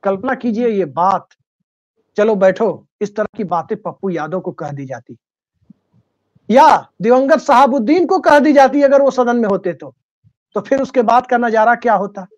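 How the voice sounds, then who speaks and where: A man's voice: very high voice, moderate pace, highs cut off. A man speaking as a political commentator on a panel, arguing his case with folk idioms and rhetorical questions.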